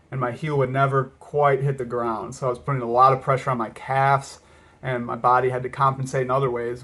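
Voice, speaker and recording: A man talking casually as a running vlogger, reflective and hesitant, often pausing mid-thought. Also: mid-range voice, a bit bright. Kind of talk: casual vlog talk to camera.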